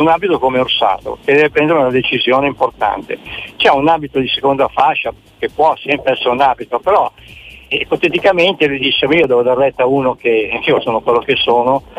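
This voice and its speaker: An older man from the Milan area calls in to a sports radio show by phone, rambling through his opinions and addressing the listeners directly. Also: medium pitch. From Milan area of northern Italy. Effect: phone-line caller heard over the radio. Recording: muffled phone line with faint hiss.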